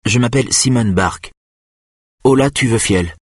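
A man's voice: medium pitch, measured pace, breathy edge, no echo, clean studio sound, voice pushed up. A man reading an audiobook, voicing a caring, anxious adult daughter in a raised voice. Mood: urgent. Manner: anxious, pressing questions.

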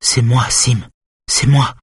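Brief: man doing a raised, husky voice for a desperate mother pleading with questions in an audiobook; dry read. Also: medium pitch, steady tone, slow pace, no room sound, pitched above the performer's own voice. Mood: urgent pleading. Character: anxious middle-aged mother pleading at a bedside.

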